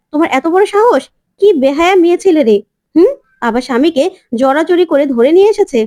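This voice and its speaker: A woman voicing a sharp-tongued old grandmother who scolds and taunts. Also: high voice, no echo.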